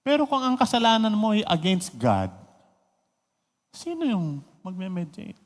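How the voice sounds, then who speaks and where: A man preaching a sermon, lively, full of rhetorical questions and mixing in English phrases. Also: sits high, unhurried, big-room sound. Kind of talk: radio sermon.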